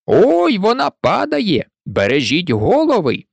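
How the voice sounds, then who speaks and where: A rowdy bunch of small animal workers bickering and shouting over each other, acted out by a woman. The voices leap up and down. It sounds dry and close, like a storybook read. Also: deep voice, big pitch swings, measured pace, no echo, full character voice. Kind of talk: audiobook character voices.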